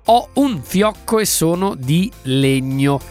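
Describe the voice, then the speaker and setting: A man banters on the radio like a showy game show host. His delivery swings widely in pitch and takes its time, playfully repeating answers for effect, with a music bed underneath. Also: expressive, takes it slowly, a little mellow.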